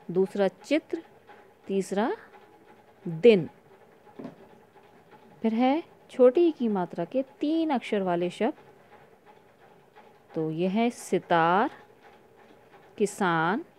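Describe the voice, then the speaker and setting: A woman teacher leads a recorded lesson for young pupils. Her voice is mellow and unhurried. She reads each word slowly and plainly so the children can follow along. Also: medium pitch. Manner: slow, clear word-by-word reading for young children. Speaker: school teacher. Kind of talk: recorded online class lesson.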